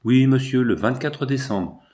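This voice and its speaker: A man's voice: mid-range voice, unhurried, warm tone, lightly acted. A man voicing a sly, insistent male business agent in an audiobook, with an eager, self-assured manner. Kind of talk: audiobook character voice.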